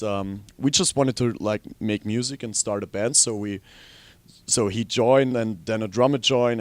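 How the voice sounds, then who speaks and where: Young Austrian-born musician, chatty and dry. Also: male voice, mid-range voice, no echo. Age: young adult. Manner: relaxed, rambling, frequent ums. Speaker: guitarist and singer. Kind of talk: casual interview.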